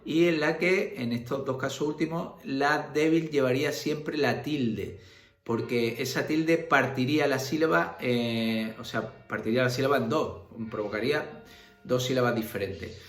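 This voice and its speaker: A man's voice: mid-range voice, unhurried, soft background music. Male teacher, patient and filler-heavy, recorded in a roomy space. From Spain. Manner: explains patiently with many fillers and checks like "¿vale?". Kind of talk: recorded grammar lesson. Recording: roomy echo.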